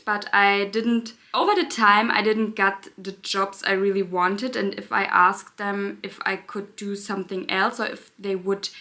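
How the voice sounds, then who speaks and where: A woman's voice: medium pitch, pushed and bright. A young woman from Berlin with a German accent, chatting casually about her life while doing her makeup, searching for words now and then. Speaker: beauty vlogger.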